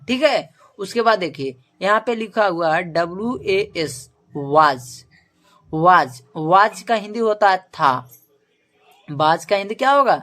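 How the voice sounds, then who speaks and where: Slow, drilling woman teacher. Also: medium pitch. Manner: ends nearly every point with "okay"; spells words out letter by letter. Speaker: English teacher. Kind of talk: spoken lesson to camera.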